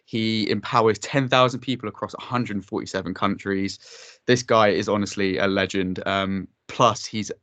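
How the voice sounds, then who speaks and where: A man's voice: lowish voice, steady tone, moderate pace, a bit bright, dry recording. A man hosting a casual podcast interview, upbeat and chatty, laughing often, with loose filler-heavy talk. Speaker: podcast host.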